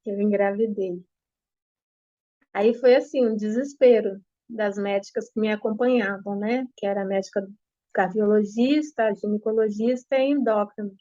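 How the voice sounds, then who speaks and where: A young adult woman with a Brazilian Portuguese accent gives an emotional personal testimony, repeating herself with halting pauses, at home. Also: medium pitch, steady tone, mellow, dry recording. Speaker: interviewee giving testimony. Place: apartment at home. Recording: slightly dull lo-fi, dry.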